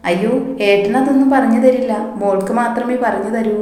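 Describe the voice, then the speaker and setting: A woman voicing a calm, coaxing middle-aged male doctor who talks gently and soothingly, in a very echoey room. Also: on the high side, a little fast, natural voice.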